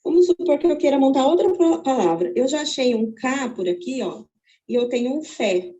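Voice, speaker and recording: A Brazilian woman teaching, walking slowly and methodically through a braille word activity and thinking aloud as she searches. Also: sits high, expressive, dark tone, lo-fi sound. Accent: Brazilian Portuguese. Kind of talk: step-by-step spoken demonstration.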